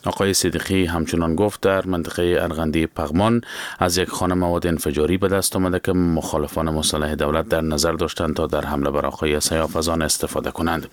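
A man reading the news in a measured, formal way. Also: rumbling low, little pitch movement, no room sound. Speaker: newsreader. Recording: dry studio sound.

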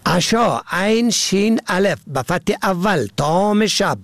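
A man presenting a scripted radio language lesson, slowly spelling out words letter by letter. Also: high voice, expressive, no echo. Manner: slow, careful spelling out of words.

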